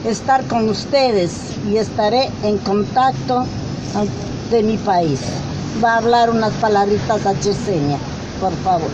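An older woman from Ecuador with an Ecuadorian accent, speaking at an outdoor rally in an emotional, halting way, searching for words. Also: mid-range voice, dull audio. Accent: Ecuadorian Spanish. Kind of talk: public address at an outdoor protest. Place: outdoor city plaza with traffic. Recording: noisy outdoor street recording.

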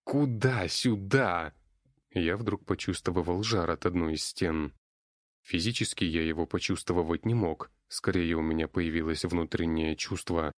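A man's voice: deep voice, fairly even intonation, moderate pace, no room sound, clean studio sound. A man narrating a first-person fantasy audiobook in a wry, conversational manner.

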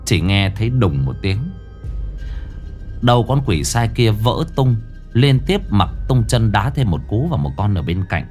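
A man with a low voice narrates a ghost story, his delivery lively and full of swings in pitch. Faint music runs underneath. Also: unhurried. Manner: animated, expressive.

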